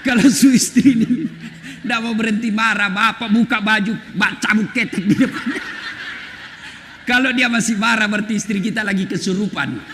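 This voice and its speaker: A man's voice: high-pitched, normal speed, noisy background. A male preacher giving a humorous sermon, teasing and addressing the women in his audience directly. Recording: echoey hall with faint ambience.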